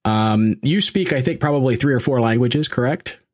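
A male podcast host chatting easily with his guest, full of ums and you-knows. His voice sits at an ordinary middle pitch, recorded close and dry with no room echo. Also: lively intonation, a little mellow. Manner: friendly, many fillers, quick asides. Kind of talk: casual interview.

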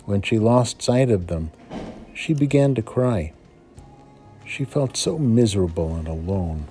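A male first-grade teacher reading a fairy tale aloud to children, in a dramatic, expressive storytelling manner. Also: on the low side, unhurried, soft background music.

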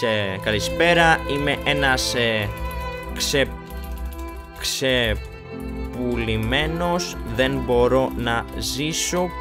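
A young man giving jokey, excitable gameplay commentary as a YouTuber, shouting during fights. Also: mid-range voice. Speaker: gaming YouTuber. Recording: background game music.

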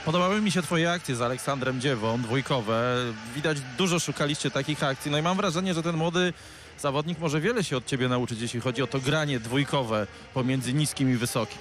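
A man's voice: medium pitch, a little fast, noisy background. A middle-aged man, a sports reporter, putting upbeat questions to a player after the match at a handheld mic. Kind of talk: post-match interview. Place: courtside interview wall in an arena.

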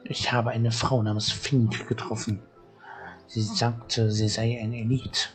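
A man's voice: medium pitch, little pitch movement, slow pace, faint music behind, natural voice. A man reading as a stubborn young island girl. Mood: earnest.

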